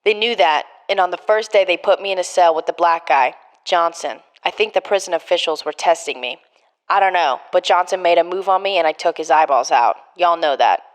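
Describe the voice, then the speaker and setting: A woman's voice: on the low side, fairly quick, lightly acted. A woman voicing a hardened male prison gang captain in a murder mystery game, trying for a Boston accent that keeps slipping. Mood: tough.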